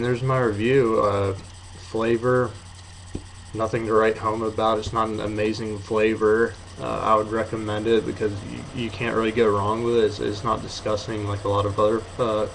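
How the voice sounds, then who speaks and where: A young man of eighteen talks in a low, very flat voice, slightly muffled by a lip full of dip. He rambles casually and hesitantly, as in a homemade review. The room recording has audible noise behind him. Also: moderate pace, vocal fry. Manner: low-key, hesitant, offhand. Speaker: amateur video reviewer. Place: apartment bedroom. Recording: noisy room sound.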